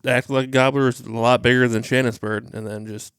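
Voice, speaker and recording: A young man with a smooth, clean voice speaks in a flat, even tone. He makes matter-of-fact remarks and gives short replies as co-host, recorded close on a headset mic with no room sound. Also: medium pitch, brisk, no echo. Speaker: podcast co-host. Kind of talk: casual chat. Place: small hunting shop studio. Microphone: headset or boom mic.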